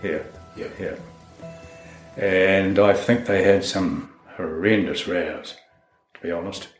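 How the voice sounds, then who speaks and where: A man's voice: low voice, steady tone, takes it slowly, faint music behind. A plain-spoken man with a broad New Zealand accent, informally recalling events in an interview, with mild swearing. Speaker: interviewee, friend of the person discussed. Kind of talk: informal recollection in a sit-down interview. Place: indoors in a house. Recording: roomy, echoey home interview.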